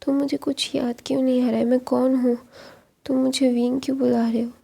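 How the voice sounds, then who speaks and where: A woman's voice: high voice, little pitch movement, a little fast, creaky, dark tone, breathy edge, heavily acted. A woman voicing a confused, tearful young man who has lost his memory, asking anxious, pleading questions in a storybook tale.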